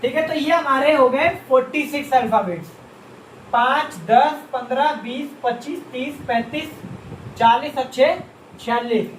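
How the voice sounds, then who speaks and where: A man's voice: extremely high pitch, fairly bright tone, a little hiss or hum. A man teaching a beginners' Japanese script lesson, asking a question and answering it himself, repeating each sound patiently. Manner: slow, patient explaining. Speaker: language teacher. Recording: echoey room, distant mic, faint ambience.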